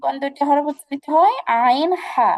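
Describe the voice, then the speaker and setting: A woman with a high, darkish-toned voice runs an online recitation class. She is patient and repetitive, going over examples slowly and putting questions to her students.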